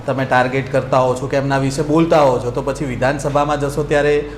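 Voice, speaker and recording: A man's voice: mid-range voice, fairly even intonation, fast. A male interviewer asking probing, challenging questions. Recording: echoey room with faint background noise.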